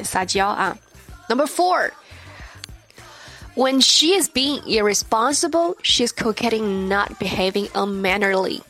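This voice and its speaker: A woman teaching an online English lesson in a lively, chatty way, explaining in Chinese and reading English example sentences slowly and repeating them. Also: mid-range voice.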